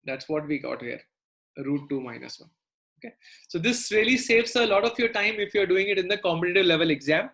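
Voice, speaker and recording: A woman's voice: lowish voice, lively intonation, a little fast, fairly bright tone. A woman with a South Indian accent teaching a live online maths lesson, repeating phrases and often checking in with students.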